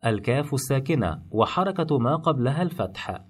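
A man narrating a scripted pronunciation lesson in a measured, explanatory way, demonstrating sounds. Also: medium pitch, expressive, slightly rough. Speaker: phonetics teacher.

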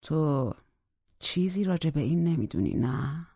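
A woman reading an audiobook, voicing an angry, accusing husband in a harsh, bitter manner with a husky voice. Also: low voice, lively intonation, mellow, no echo, lo-fi sound, pitched below the performer's own voice, full character voice. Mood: menacing. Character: angry menacing grieving husband, man.

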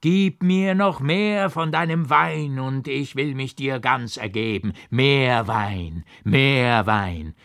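A man voicing a furious, half-mad older monk who shouts curses, read as a dramatic audiobook. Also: mid-range voice, slow pace, creaky, few pauses, no room sound, studio quality, pitched above the performer's own voice. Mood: drunken pleading. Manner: shouting in fury. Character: raging mad older male monk, wild and threatening.

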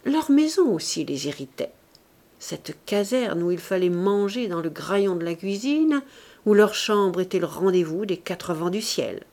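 Slow, measured female audiobook narrator. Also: on the low side. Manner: measured, expressive storytelling. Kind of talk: literary audiobook reading.

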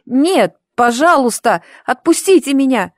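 Woman voicing a panicky teenage boy, high and tearful. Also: lively intonation, a little slow, no room sound, studio quality. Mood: sobbing plea.

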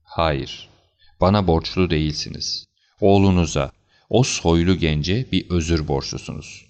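A man doing a cool, deliberate detective. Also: low voice, a little mellow. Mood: measured. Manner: measured, explanatory, slightly stern. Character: calm, assured male detective, cool and deliberate. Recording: slightly dull lo-fi recording.

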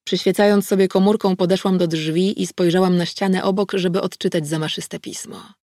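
A woman reading a first-person audiobook in a measured, wry storytelling manner on a close mic. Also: lowish voice, steady tone, a little mellow, no echo. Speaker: audiobook narrator.

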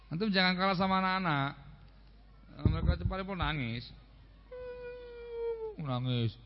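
A man giving a lively religious lecture on a radio program, often stopping to check that his listeners understand. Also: medium pitch, long reverb tail, dull audio. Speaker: Islamic preacher.

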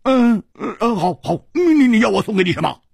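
A storyteller voicing a hot-tempered male swordsman who stammers and bursts into shouts. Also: fairly high pitch, wildly swooping pitch, moderate pace, vocal fry, slightly rough, no room sound, studio quality, pitched above the performer's own voice, exaggerated voice. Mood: flustered.

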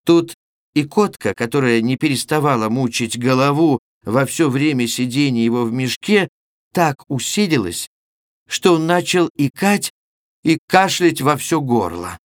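A man's voice: mid-range voice, expressive, a little slow, dry recording, clean studio sound. A male professional announcer reading a classic story aloud in a theatrical, vivid storytelling manner. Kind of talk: expressive literary audiobook reading.

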